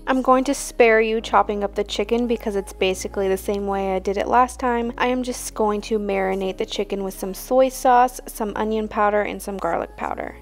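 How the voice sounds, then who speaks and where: Young woman narrating a home cooking vlog. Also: medium pitch. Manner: relaxed, step-by-step explaining. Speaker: cooking channel host. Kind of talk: casual cooking voice-over.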